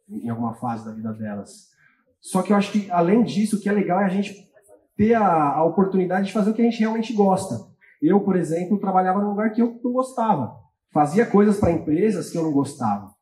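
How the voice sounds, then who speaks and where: Reflective man guest with a fairly high, mellow voice, set back from the mic in a roomy space. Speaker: guest, business partner. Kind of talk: podcast interview. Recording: distant from mic in echoey room.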